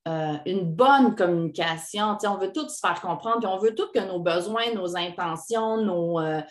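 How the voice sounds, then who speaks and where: Lively Québécois woman co-host, echoey room. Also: mid-range voice, moderate pace. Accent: Québécois French. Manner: animated, acts out quoted replies. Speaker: podcast co-host. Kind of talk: casual advice chat.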